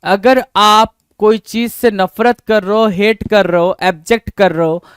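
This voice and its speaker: Man, exam-prep vocabulary lesson, rhetorical questions, bright high pitch, dry close recording. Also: fairly even intonation, unhurried, clean tone, no echo. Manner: rhetorical questions to students, repeats words. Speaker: vocabulary teacher.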